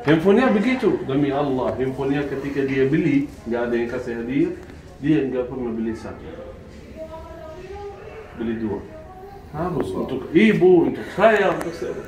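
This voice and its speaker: A man's voice: medium pitch, expressive, moderate pace, long pauses, background noise. A man hosting a casual chat who often answers with short pious interjections. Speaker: host. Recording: echoey room.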